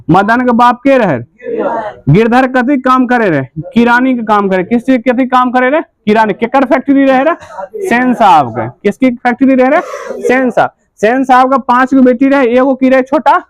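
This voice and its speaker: A male teacher with a Bihari accent and an extremely high-pitched voice explains a story during a class lesson. He keeps posing quiz questions and answering them himself, repeating and drilling the key points.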